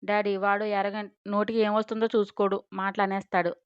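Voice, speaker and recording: A woman's voice: mid-range voice, level tone, a little fast, clean tone, dry recording, natural voice. A woman voicing a frank, affectionate young woman who is the family's daughter and sister-in-law, in a storybook reading. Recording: dull lo-fi dry recording.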